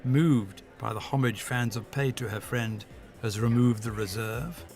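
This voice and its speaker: A man reading a scripted news documentary voice-over in a measured, deliberate way, pausing for effect. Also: mid-range voice, fairly even intonation, darkish tone. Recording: music and crowd under voice-over.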